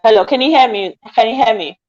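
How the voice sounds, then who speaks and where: A woman hosting a call-in radio chat over a phone line that keeps breaking up. She talks haltingly, repeating her words as she checks whether she can be heard. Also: on the high side, darkish tone. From Ghana. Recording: dull, patchy phone line.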